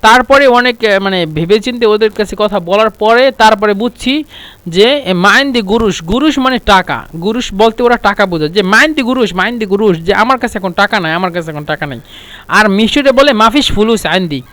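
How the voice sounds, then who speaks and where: A man's voice: high-pitched, lively intonation, fast talker, fairly bright tone, smooth, no room sound. A man teaching spoken Arabic phrases in a casual lesson, repeating each phrase and explaining it with small hesitations.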